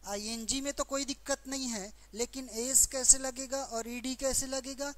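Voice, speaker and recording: A female teacher with a Hindi accent, her voice high and steady, walks students through English verb forms in an exam-prep grammar lesson. She explains slowly and repetitively, asking questions and repeating each answer.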